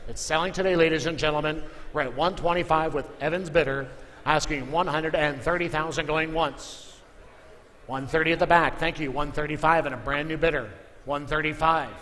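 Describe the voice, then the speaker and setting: A man's voice: fairly high pitch, sharp tone. A man working as an auctioneer, calling live bids in a repetitive chant of figures. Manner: repeats figures and calls for bids. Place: large indoor auction room. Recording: echoey hall with clear background noise.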